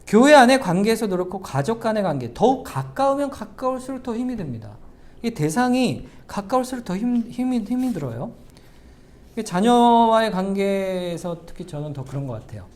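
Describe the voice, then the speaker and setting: This middle-aged pastor's voice is high-pitched and sing-song, and his delivery is fairly quick. He preaches directly to the congregation, swinging from loud emphasis to soft asides.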